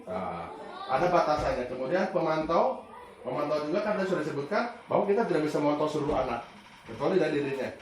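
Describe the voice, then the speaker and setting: A male teacher walks through lesson points in a relaxed, explaining manner. Now and then he acts out a teacher or a pupil, sometimes with a sudden shout. His fairly high voice is picked up from a distance in a very echoey room. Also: quick pace, a crowd in the background. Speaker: teacher presenting a training module. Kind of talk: classroom presentation. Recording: very echoey room, mic far off.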